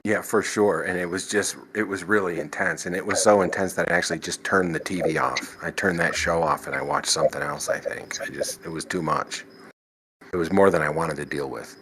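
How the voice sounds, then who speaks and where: A very deep-voiced man talks through his own stories in an easy, rambling way, doubling back on his sentences and dropping in "you know." A faint hiss sits under his voice. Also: fairly quick. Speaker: podcast guest. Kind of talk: casual storytelling of paranormal experiences.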